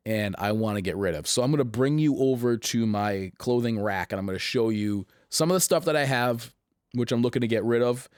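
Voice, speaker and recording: A man hosting his own show, talking in a casual, halting way with a scratchy voice, earnest and reflective, often restarting his sentences. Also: lowish voice, no room sound, studio quality. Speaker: host. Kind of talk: casual chat to camera.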